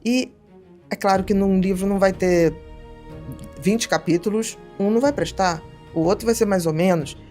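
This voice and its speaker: Animated middle-aged Rio storyteller woman. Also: medium pitch, normal speed, soft background music. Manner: animated storyteller, acts out quoted voices. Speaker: psychiatrist guest. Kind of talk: casual podcast conversation, storytelling.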